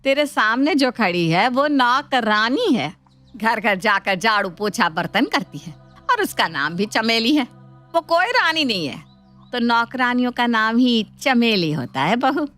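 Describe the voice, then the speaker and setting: A woman voices a spiteful cartoon mother-in-law who taunts without letting up. Her voice is high and bright, with soft music behind it. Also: sing-song, measured pace. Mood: taunting. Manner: taunting, mocking. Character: scheming, sharp-tongued mother-in-law, taunting. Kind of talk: cartoon voice acting.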